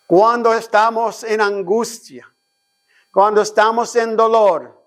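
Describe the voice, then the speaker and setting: A man, preaching a Sunday school sermon as a pastor, often turning to the congregation with amens and questions and acting out his own prayers. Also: high voice. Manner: dramatizes his own prayers, rising to a shout.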